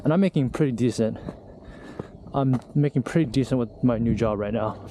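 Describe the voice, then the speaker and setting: On a hiking trail outdoors, a young male vlogger speaks casually and candidly into his camera while climbing, winded from the effort. His medium-pitched voice has a dark tone and moves at a normal speed. Clear background noise is present in the outdoor recording.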